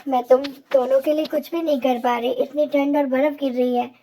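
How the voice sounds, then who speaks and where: A woman's voice: sits high, fairly even intonation, fairly quick, mellow, a little hiss or hum. A woman voicing a sad young girl bird in a children's cartoon story, pleading tearfully.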